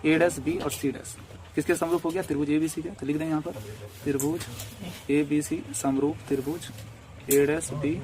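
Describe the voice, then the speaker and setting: A man's voice: fairly high pitch, little pitch movement, a little fast, a little mellow. A man teaching a maths lesson step by step, repeating each step and asking rhetorical questions as he draws.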